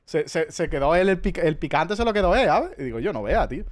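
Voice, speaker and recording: Male Spanish streamer, slightly high voice, loose profane storytelling chat. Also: big pitch swings, fast. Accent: Spanish from Spain. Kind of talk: casual chat.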